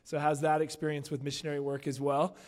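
A man's voice: on the high side, monotone, fast talker, a little mellow. A man hosting a panel, giving upbeat introductions of his guests. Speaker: podcast host introducing guests. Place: conference hall. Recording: long reverb of a large hall.

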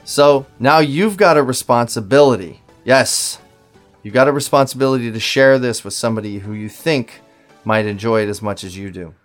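Male co-host, mid-pitched, upbeat persuasive sign-off, faint music underneath. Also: normal speed. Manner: upbeat, persuasive call to action. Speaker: podcast co-host. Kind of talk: podcast sign-off and listener appeal.

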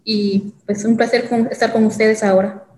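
A young woman from El Salvador, telling her own story as an interview guest in a halting way, with many fillers and restarts. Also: fairly high pitch, flat delivery, darkish tone, roomy sound, low-quality recording. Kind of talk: hesitant personal testimony.

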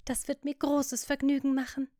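A woman's voice: high-pitched, little pitch movement, moderate pace, mellow, no echo, studio quality, voice pushed up, lightly acted. A woman voicing a vain, charming young man who sounds eager and full of wonder.

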